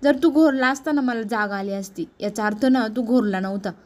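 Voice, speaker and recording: A woman's voice: a little high, a little fast, a little mellow, natural voice. A woman voicing an irritable, sleepy young wife who snaps in exasperation and begs to be left to sleep. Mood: irritated. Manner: snappish, exasperated, pleading for sleep.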